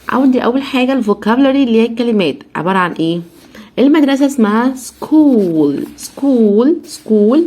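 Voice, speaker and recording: A woman's voice: mid-range voice, mellow. Patient Egyptian woman teaching children English. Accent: Egyptian Arabic. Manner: drills each word slowly, syllable by syllable, over and over.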